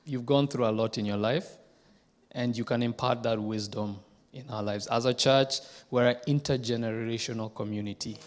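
A man's voice: mid-range voice, steady tone. A man from Kenya, leading a church service and speaking to the congregation with frequent hesitations. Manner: warm, halting, lots of "um" and restarts. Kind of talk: addressing a congregation. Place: church sanctuary. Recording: echoey church hall with congregation.

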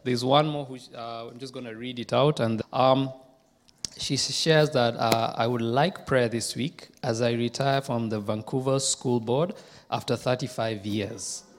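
A man's voice: medium pitch, fairly even intonation. A man from Kenya, leading a church service and speaking to the congregation with frequent hesitations. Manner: warm, halting, lots of "um" and restarts. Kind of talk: addressing a congregation. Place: church sanctuary. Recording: echoey church hall with congregation.

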